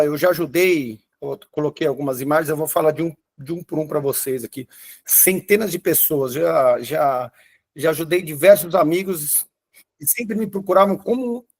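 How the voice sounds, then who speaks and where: A man's voice: on the high side, a little mellow. A man in his fifties teaching a live online fitness class, talking enthusiastically with frequent restarts. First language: Portuguese. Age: 50s. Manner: enthusiastic, hesitant restarts, showing photos. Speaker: fitness coach.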